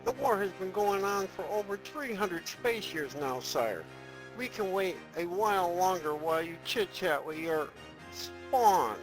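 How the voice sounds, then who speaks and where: A high-voiced, cautious imperial space advisor. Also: male voice, lively intonation, measured pace, over music, poor audio. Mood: wary, dry. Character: cautious, deferential advisor to an evil space emperor. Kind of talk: comedic audio drama acting.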